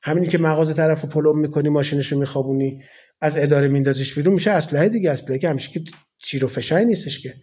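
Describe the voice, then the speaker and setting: This man is in his forties, comes from Iran, and works as a cleric. His sermon is casual and conversational, brimming with rhetorical questions. His voice is on the high side, with a darkish tone.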